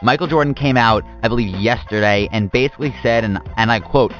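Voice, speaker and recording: A man's voice: mid-range voice, fairly quick, fairly bright tone. A man co-hosting a casual sports talk show, giving emphatic opinions. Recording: dull lo-fi recording with faint music.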